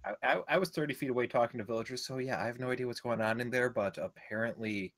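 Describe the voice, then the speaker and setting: A man's voice: mid-range voice, fast, fairly bright tone. A man playing in a tabletop game, joking and laughing often. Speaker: player. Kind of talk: casual tabletop game chat.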